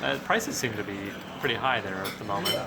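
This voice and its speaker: A fairly quick, expressive man with a lowish, creaky voice chats casually in a video game collecting vlog. He wanders around shops and a mall, often checking in with a companion, and the on-location recording is noisy with traffic and ambience.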